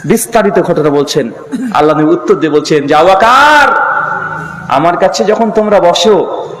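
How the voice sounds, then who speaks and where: A man preaching a sermon, telling a story with dramatic swings between shouted lines and low murmurs. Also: lively intonation, normal speed. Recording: echoey hall with long reverb.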